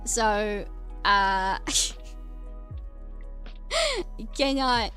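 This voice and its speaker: Very slow and sharp-toned, this young artist streamer from the Czech Republic speaks in a mid-range voice over soft background music. A native Czech speaker, she rambles casually while drawing, laughing a lot and searching for words.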